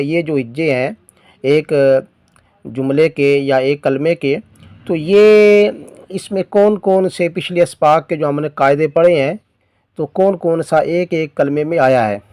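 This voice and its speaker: A man teaching Quran reading, patiently explaining rules and spelling out letters slowly. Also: a little high, darkish tone, dry recording. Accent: Pakistani Urdu. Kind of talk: spelling-out lesson, slow drawn-out recitation of letters.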